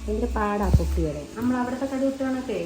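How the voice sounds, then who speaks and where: A woman's voice: on the high side, expressive, quick pace, echoey room, low-quality recording. A middle-aged woman, chatting casually at home while she cooks. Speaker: mother of the vlogger, cooking. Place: home kitchen while cooking. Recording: clear music over kitchen talk.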